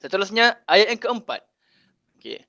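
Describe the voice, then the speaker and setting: A man's voice: high voice, sing-song, vocal fry, bright, forceful tone, no echo, dull audio. A young Malaysian man teaching children Quran recitation, patiently drilling letter sounds over and over. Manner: patient, slow, repeats sounds and drills pronunciation. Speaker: religious teacher.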